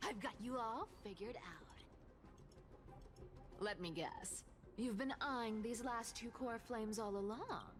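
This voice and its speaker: Over loud game music, a woman voices a cocky, playful cat thief in a video game, teasing theatrically with whispers and giggles in a mocking, gloating mood. She speaks on the high side at a slow pace, with long pauses.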